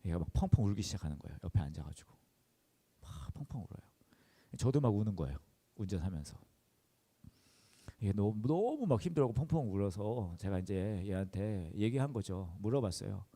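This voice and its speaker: A man's voice: on the low side, big pitch swings, fairly quick, mellow. A pastor in his forties giving a sermon, telling a personal story in an earnest, emotional way at a church service.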